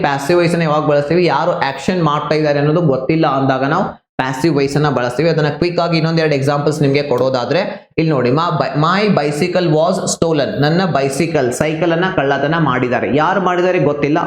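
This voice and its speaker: A male teacher with a Kannada accent, explaining grammar one step at a time in a mix of Kannada and English. His voice sits a little high for a man. The room around him rings with echo. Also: fast. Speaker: exam prep teacher. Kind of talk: online class lecture.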